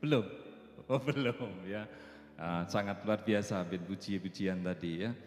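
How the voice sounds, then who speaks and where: A middle-aged male pastor, preaching a sermon that swings from loud, high exclamations to soft, chatty storytelling with frequent laughs. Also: a little slow. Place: church hall. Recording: echoey church hall with reverb and faint music.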